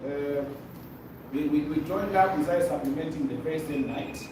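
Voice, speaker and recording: A man's voice: fairly high pitch, normal speed. An older man from Zambia, a pastor and consultant, telling his story to a seminar audience with many fillers and restarts. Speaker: presenter at a business seminar. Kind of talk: testimonial talk to an audience. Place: meeting room with a projector. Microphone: far camera. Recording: echoey room from far off, noisy.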